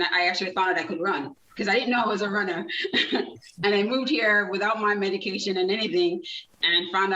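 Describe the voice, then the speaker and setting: A woman's voice: medium pitch, bright, forceful tone, dull audio. Jamaica-born woman, distant roomy sound. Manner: chatty, many fillers and restarts, laughs easily. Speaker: guest, nonprofit founder. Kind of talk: casual interview storytelling.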